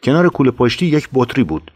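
A man reads a first-person war memoir in a grave, steady voice of ordinary male pitch. He lends the account dramatic weight without rushing, like a scripted audiobook narration.

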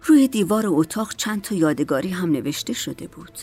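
A woman narrating a story as an audiobook in a calm, measured way. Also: on the low side, husky, soft background music.

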